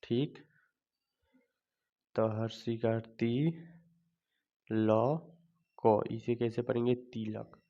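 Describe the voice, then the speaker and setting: A man's voice: medium pitch, steady tone, drawn-out words, long pauses, warm tone, highs cut off. A man teaching a children's lesson on vowel signs, patiently spelling out each letter and repeating the words.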